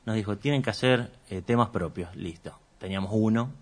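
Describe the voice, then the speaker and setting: A man's voice: on the low side, brisk. A man, a musician guest chatting casually and rambling a little on a radio show. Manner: rambling, chatty, self-deprecating. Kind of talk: casual radio interview chat.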